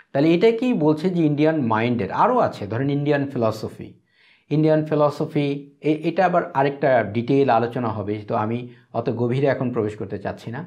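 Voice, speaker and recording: A man, teaching a lesson. He reads English sentences slowly and explains them phrase by phrase. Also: medium pitch, a little mellow. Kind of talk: Bengali lecture explaining an English text.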